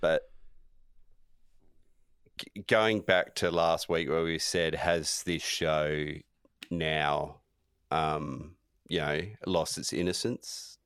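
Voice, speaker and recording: Deep smooth-voiced podcast co-host man. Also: fairly even intonation, drawn-out words, long pauses, a bit bright, dry recording, clean studio sound. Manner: laid-back, hesitant, fillers. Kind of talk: casual comedic chat.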